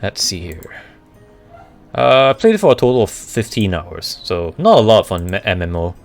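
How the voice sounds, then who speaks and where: A man chatting casually on a live stream, answering questions in a halting way as he searches for the right words. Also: on the low side, big pitch swings. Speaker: streamer, VTuber. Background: background music.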